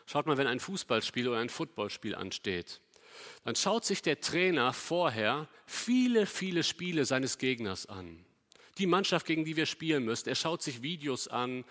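Emphatic male preacher in an echoing hall. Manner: emphatic, with rhetorical questions to the congregation; swings between loud emphasis and low, quiet stretches. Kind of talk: sermon.

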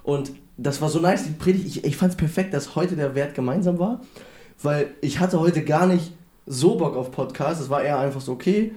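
Young man with roomy, mellow voice. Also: on the high side, moderate pace. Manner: enthusiastic, youthful slang. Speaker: podcast co-host.

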